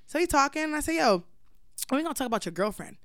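A woman's voice: high-pitched, very animated, fast talker, no room sound, studio quality. A young woman in her twenties co-hosting a podcast, telling a story in casual chat and acting out the dialogue, blunt and profane.

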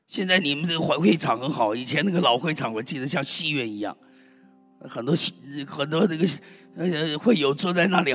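A man's voice: fairly high pitch, bright, forceful tone. A male preacher delivering a fervent sermon, exclaiming and calling out to his congregation. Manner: emphatic, exclaims and calls out to the congregation. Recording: reverberant hall with faint music.

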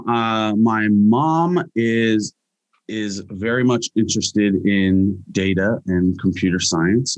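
A man's voice: low voice, dry recording. A young Hawaiian man answering interview questions casually as a guest scientist, with frequent restarts and fillers.

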